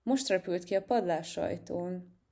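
A woman's voice: on the low side, gravelly. A woman voicing an eager, curious little girl cat in a children's storybook. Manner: excited, eager.

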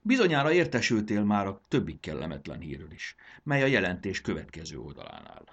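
A man's voice: deep voice, huge pitch swings, creaky, slightly rough, highs cut off, heavily acted. Field: man doing cool, calculating storybook servant. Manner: cool, measured, polite.

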